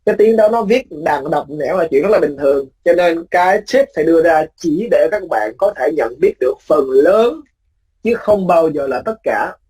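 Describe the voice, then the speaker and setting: Husky-voiced male teacher explaining phonetics. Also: a little high, expressive, darkish tone, low-quality recording. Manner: explains patiently, drawing out example words slowly; repeats points for emphasis with tag words. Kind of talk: recorded phonetics lecture.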